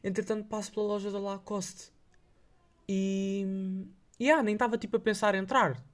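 A man's voice: high voice, level tone, normal speed. A young man with a Lisbon Portuguese accent, chatting casually and telling anecdotes in a slangy, hesitant, rambling way. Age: young adult. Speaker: podcast host.

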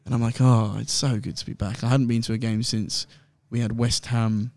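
A young man, guest host on a podcast, telling a long story in excitable, rambling casual chat full of fillers. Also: medium pitch, moderate pace, dry recording. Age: young adult.

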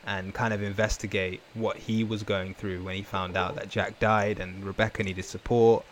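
Roadman guy on a podcast, lowish voice, emphatic, says stuff twice, slangy. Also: level tone, moderate pace, slight background noise. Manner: emphatic, repeats phrases. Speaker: podcast panelist. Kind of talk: casual podcast chat.

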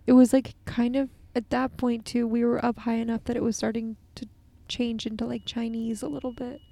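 A young woman chatting casually about travels, lively and prone to tangents. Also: a little high, brisk, creaky.

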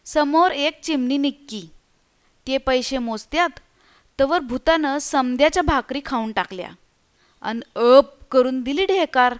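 A woman's voice, sitting high and unhurried, takes on a scared villager recounting a ghost story in a storybook reading. The speech is hushed, stammering and earthy, with a spooked mood.

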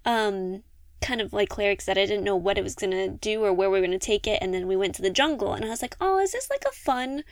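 A woman hosting a casual podcast chat, upbeat and chatty, quick to cheer on her co-hosts. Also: medium pitch, no echo. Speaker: podcast host.

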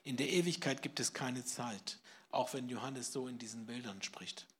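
A man preaching a sermon to a live congregation, swinging from hushed whispers to loud emphasis and putting questions to his listeners. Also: mid-range voice, normal speed, slightly rough. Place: church service, in front of a congregation.

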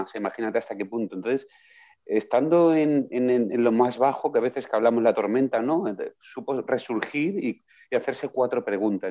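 A man in casual conversation, recounting a book and acting out its questions with lively energy. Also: mid-range voice. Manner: animated storyteller, acts out quoted questions. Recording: dull lo-fi sound.

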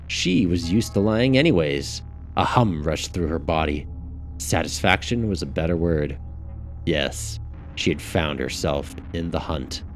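Male narrator, very low voice, measured audiobook read, faint music under. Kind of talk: scripted narration.

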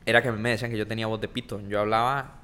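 Fast-talking Costa Rican man. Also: on the low side, clear, resonant tone. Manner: joking, slangy, animated. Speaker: guest, content creator. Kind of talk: casual podcast chat.

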